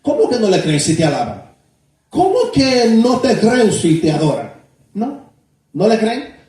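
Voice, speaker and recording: A male pastor preaching a sermon in a church, emphatic and repetitive, with sudden shouts. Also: sits high, wildly swooping pitch, a little slow, very echoey, far from the mic.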